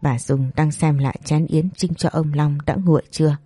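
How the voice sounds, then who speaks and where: A narrator reading a scripted audio story in a steady, even way. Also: medium pitch, normal speed, husky, no room sound, faint music behind.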